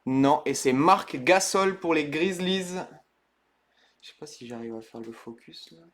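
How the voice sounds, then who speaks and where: A man streaming a live card break, calling out each card in slow, hushed commentary that bursts into ecstatic shouting. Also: fairly high pitch, animated.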